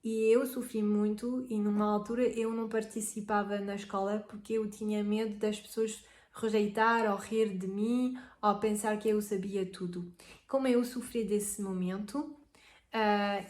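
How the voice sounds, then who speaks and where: Woman with flat, hesitant delivery. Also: medium pitch, a little slow. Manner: hesitant, often searching for words. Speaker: relationship advice speaker. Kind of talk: casual advice talk. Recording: echoey room.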